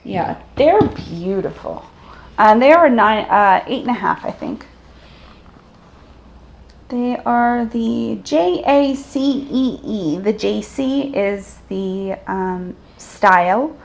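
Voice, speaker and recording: Woman, reseller host, gravelly, chatty haul talk. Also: a little high, lively intonation, slow pace. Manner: chatty, describes items and sizes, laughs easily. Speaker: thrift reseller and channel host. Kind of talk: casual haul chat.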